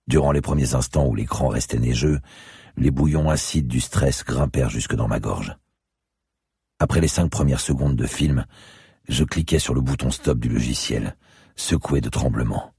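Very deep, gravelly male narrator. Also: normal speed, mellow, no echo, studio quality. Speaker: audiobook narrator. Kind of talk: first-person thriller narration.

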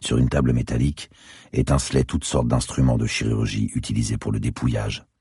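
A man narrating a dark crime thriller in the first person, with a measured, descriptive reading. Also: very deep voice, level tone, breathy edge, dry recording, clean studio sound. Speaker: audiobook narrator.

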